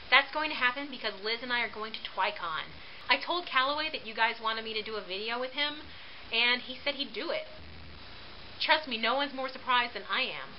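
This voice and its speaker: A woman in her late twenties, vlogging casually to her viewers in a bubbly, playful, animated way. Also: a little high. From Puerto Rican heritage. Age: 20s. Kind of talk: casual vlog to camera. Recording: dull lo-fi webcam audio with faint hiss.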